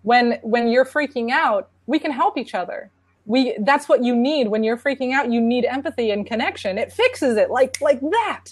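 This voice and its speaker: Brief: woman panelist, earnest and chatty, fairly high voice, dry close sound. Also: animated, normal speed, no echo. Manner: earnest, conversational, many restarts. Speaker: panel speaker on parenting. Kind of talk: casual conference talk.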